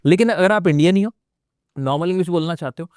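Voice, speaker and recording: Motivational Indian teacher, crisp and dry. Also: male voice, high voice, fast talker, a little mellow, no echo. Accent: Indian English. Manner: motivational, addresses students directly and repeats phrases. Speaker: spoken English teacher. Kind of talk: energetic online class lecture.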